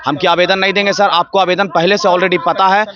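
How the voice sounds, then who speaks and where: A man's voice: high voice, fairly even intonation, fast, a bit bright. A man, a protesting teacher candidate, speaking aggrieved in a street interview and firing off rhetorical questions. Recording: dull lo-fi street recording.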